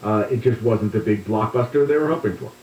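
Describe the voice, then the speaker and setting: A man, an entertainment reporter, chatting casually on a radio show in a relaxed, talkative way with some restarts. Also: lowish voice, a little fast, slight background noise. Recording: distant, roomy, dull remote line.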